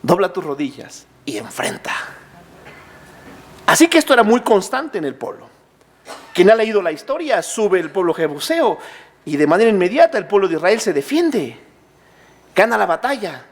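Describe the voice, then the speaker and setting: A man preaching a sermon as pastor, asking his congregation questions and answering them himself, building to near shouts. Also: sits high, sing-song, moderate pace.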